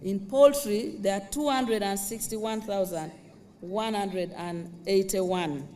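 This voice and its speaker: A man with a Ugandan accent giving a formal speech, deliberately reading out statistics to the president. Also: sits high, a little mellow. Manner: formal, deliberate, reads out figures. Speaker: official addressing the president.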